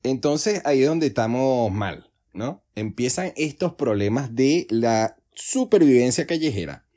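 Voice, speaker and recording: A man's voice: medium pitch, expressive, measured pace, warm tone. A man, hosting a solo podcast, explaining earnestly and acting out little dialogues in changing voices. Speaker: podcast host.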